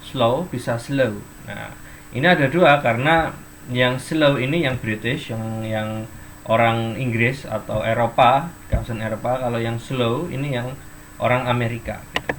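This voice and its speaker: A man's voice: medium pitch, steady tone, fairly bright tone, slight background noise. Man teaching an English lesson online. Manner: explains slowly, mixing in English phrases and dictionary readings. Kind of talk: online class lecture.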